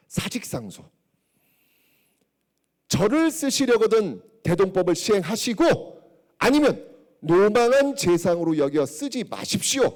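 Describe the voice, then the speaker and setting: Speaking in a slightly high voice, a man delivers a public history lecture as a lively narrative. He performs the quotations and regularly checks in with his listeners.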